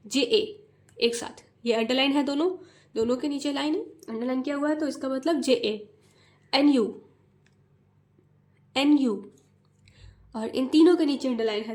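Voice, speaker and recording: A woman, a mother and tutor, hosting an instructional video for parents, explaining step by step and spelling letters out slowly in a sing-song rhythm. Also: sits high, darkish tone. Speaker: mother and tutor, channel host.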